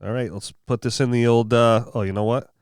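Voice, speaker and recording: A man's voice: mid-range voice, steady tone, fairly quick, clear, resonant tone, no room sound, clean studio sound. A man in his forties co-hosting a podcast, chatting in an easygoing, hesitant way. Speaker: podcast co-host. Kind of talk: casual chat.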